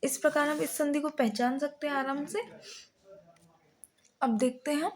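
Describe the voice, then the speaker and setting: A woman's voice: sits high, steady tone, darkish tone. A woman teaching a Hindi grammar lesson, patiently breaking words into their parts one piece at a time. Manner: slow, patient, spelling out word parts one by one.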